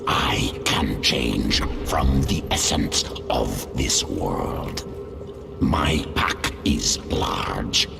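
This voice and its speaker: Game creature: hulking primal alien, heavy gravel, very slow, blunt speech. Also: male voice, a bass voice, animated, echoey room, music in the background, heavily acted. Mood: hungry, brooding. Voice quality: guttural, gravelly growl. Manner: slow, blunt, primitive phrasing. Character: hulking primal alien beast, pack leader, hungry to evolve. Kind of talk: video game voice acting.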